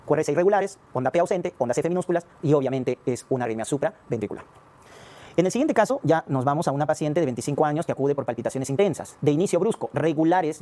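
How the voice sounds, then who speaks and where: A man's voice: a little high, warm tone. A man giving a recorded medical lecture, explaining step by step and often asking rhetorical questions and checking in with his students.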